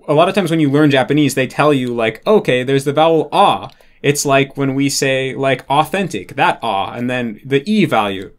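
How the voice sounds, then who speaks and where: A man talking casually as an interview guest, explaining ideas thoughtfully and filling gaps with "like". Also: mid-range voice. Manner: thoughtful, explanatory, many "like" fillers. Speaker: interview guest, Japanese learner.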